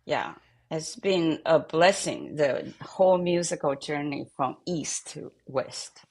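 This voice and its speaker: An older woman from Taiwan, a pianist and composer, speaking in an interview and trailing off softly at the ends of phrases. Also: low voice, breathy edge. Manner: halting non-native English, trailing off softly at phrase ends. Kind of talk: interview conversation.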